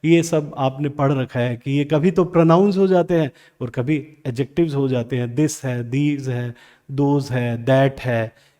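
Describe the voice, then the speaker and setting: A man teaching English grammar in Hindi, asking questions and answering them himself, reading example sentences slowly with an Indian English accent. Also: fairly high pitch, warm tone. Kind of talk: classroom grammar lesson.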